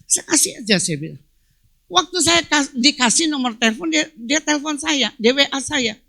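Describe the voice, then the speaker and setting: Older woman, pastor, church sermon, high voice, swings from shouting to hushed telling. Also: animated, normal speed. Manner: impassioned preaching, rising to shouts and dropping to hushed storytelling. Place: church service.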